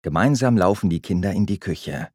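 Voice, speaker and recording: A man reading a children's story aloud, gentle and expressive. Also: low voice, brisk, no echo, studio quality. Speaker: narrator.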